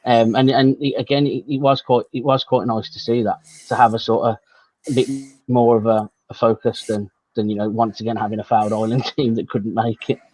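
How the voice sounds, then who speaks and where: Man, middle pitch, rambling, repeats words, casual podcast guest. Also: flat delivery, fairly quick, darkish tone, poor audio. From Birmingham, England. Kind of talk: casual football chat.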